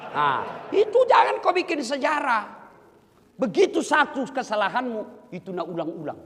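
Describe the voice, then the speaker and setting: A man giving a humorous sermon to a live audience, telling stories animatedly and leaping into loud, high exclamations. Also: huge pitch swings, moderate pace. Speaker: Islamic preacher. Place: large hall with an audience. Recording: reverberant hall, faint background noise.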